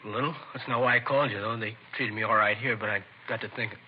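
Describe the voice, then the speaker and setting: In a 1950s radio crime drama, a male actor with a lowish voice plays a remorseful, streetwise teenage addict who confesses in slangy, halting phrases. His intonation is fairly even, his voice natural, and his mood contrite. The recording is muffled and hissy.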